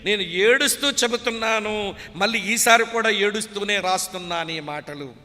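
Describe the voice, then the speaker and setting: Male preacher with a Telugu accent, very high and piercing voice, pleading and emotional. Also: normal speed, pushed and bright. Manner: emotional pleading preaching, addresses listeners as beloved. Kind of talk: sermon. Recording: long reverb of a large hall.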